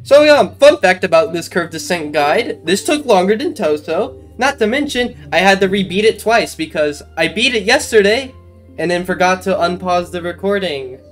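An expressive, medium-pitched voice at a moderate pace carries this informal game walkthrough, where the commentator makes self-mocking asides. Game music plays underneath.

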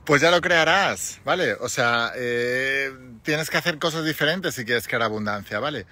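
Spanish guy in his 40s, phone at arm's length outside, pushy upbeat pitch for his mentoring, lots of "vale?". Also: moderate pace, sharp tone. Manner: enthusiastic, persuasive, many tag questions. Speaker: money mentor. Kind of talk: selling a mentorship on a live stream. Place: outdoors on a hillside with sea views.

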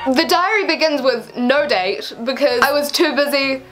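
A woman's voice: sits high, moderate pace, over music, low-quality recording. A teenage young woman reading her old diary aloud in a casual vlog, embarrassed and self-mocking, with theatrical emphasis on the read-out lines and dry commentary. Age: teens, about sixteen. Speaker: vlogger. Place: small bedroom, indoors.

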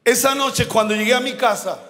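Man, pastor, fervent sermon, very high voice, echoing hall. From Chile. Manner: impassioned preaching, shouting and slowing for emphasis. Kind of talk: sermon, personal testimony. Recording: long echo of a large hall.

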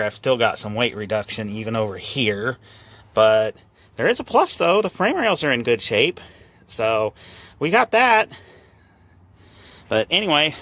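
A man's voice: medium pitch, fairly bright tone, no echo. A man, casually walking viewers through his car restoration in a garage, rambling and folksy.

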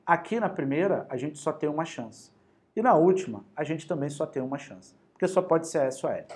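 A male math teacher with a Carioca accent runs a high-energy exam-prep lesson. His voice sits a bit high for a man, and his talk is lively, slangy and full of encouragement as he counts through each step aloud. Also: brisk. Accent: Carioca Brazilian Portuguese.

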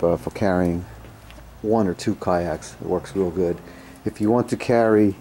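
A man giving a casual spoken product review outdoors on a driveway, halting with many fillers and restarts, blunt in his opinions. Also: low voice, dark tone, slight background noise.

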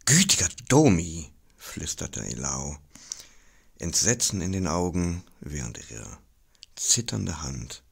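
A man reading a fantasy novel aloud as a dramatic audiobook narration, expressive and dropping into whispers at tense moments. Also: very deep voice, takes it slowly, vocal fry, husky. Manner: expressive, drops to whispers for tension. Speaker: audiobook reader.

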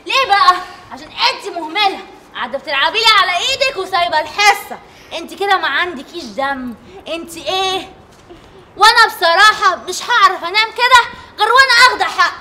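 A woman with an Egyptian accent playing a strict, furious female schoolteacher who scolds and shouts threats at a pupil in an amateur family skit. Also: extremely high pitch, lively intonation, a little fast, a little hiss or hum, heavily acted. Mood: scolding. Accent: Egyptian Arabic.

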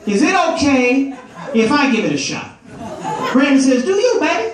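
High-voiced man doing stand-up in an echoey theater. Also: normal speed. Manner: animated, acts out characters in shifting voices. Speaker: stand-up comedian. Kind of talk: stand-up comedy set. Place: large theater stage. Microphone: handheld mic, filmed from the audience. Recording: roomy echo, far from camera, loud crowd noise. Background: laughing crowd.

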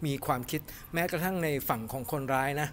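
A middle-aged man giving a casual, animated film review to camera in a cinema lobby, chatting with lots of fillers. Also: on the high side, quick pace, slight background noise. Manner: chatty and animated, refers to himself by nickname, many fillers. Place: cinema lobby in front of a movie poster, indoors.

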